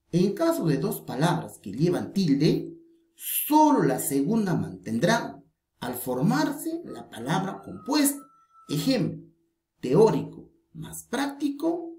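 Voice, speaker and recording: Woman teacher, low voice, lively intonation, slow careful delivery, echoey room. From Peru. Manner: slow, deliberate explanation with stressed example words. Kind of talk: recorded online grammar lesson.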